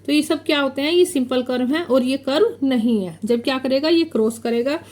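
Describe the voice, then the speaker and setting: A woman with a high voice teaches a maths class and explains each idea step by step as she draws. She keeps putting questions to the class and then answers them herself. When she gets to the key terms, she slows down and repeats them. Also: darkish tone. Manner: repeats key terms slowly while drawing on a board. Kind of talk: classroom lesson explaining geometry.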